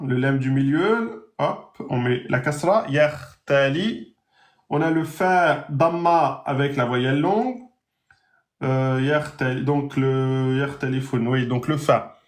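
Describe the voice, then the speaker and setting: A man teaching the Arabic alphabet in a live online lesson, drawing out each example word slowly. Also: a little high, echoey room. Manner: slow drawn-out pronunciation of example words.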